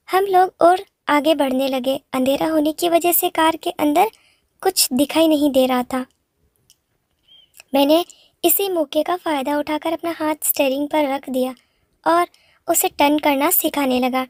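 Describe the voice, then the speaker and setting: A woman narrating a first-person story in a steady read-aloud manner. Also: sits high, dry recording, clean studio sound.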